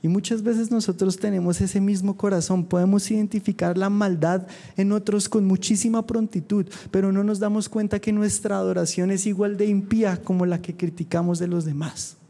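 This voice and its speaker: A man preaching to young people with a fervent drive. His voice sits high, and he mixes earnest appeals with quick, joking asides. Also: little pitch movement, vocal fry, mellow. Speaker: youth preacher. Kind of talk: sermon. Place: church youth meeting.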